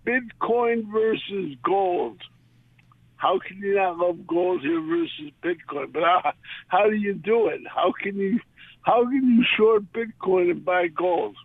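An older man calling in to a radio show over the phone, talking in a rambling, halting way. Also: sits high, expressive, dry recording. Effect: heard over the phone. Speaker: caller. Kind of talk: casual call-in chat. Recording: tinny phone line.

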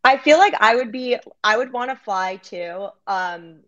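A woman's voice: on the high side, lively intonation, unhurried, fairly bright tone. Chatty American woman, muffled sound. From grew up overseas at international schools, American. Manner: chatty, leans on "like". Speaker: co-host. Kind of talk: casual interview chat.

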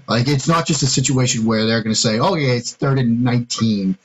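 A man's voice: medium pitch, brisk, a little hiss or hum, rough recording. A man co-hosting a sports podcast, talking through defensive schemes step by step in a casual, analytical way. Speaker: podcast co-host, football analyst.

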